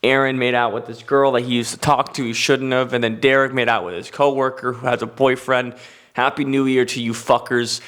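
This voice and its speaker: A man's voice: mid-range voice, a little fast. A young man hosting a comedy show, ranting in a stand-up style monologue, cursing freely and slipping into mock voices. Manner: animated, swearing, jumps into mock voices.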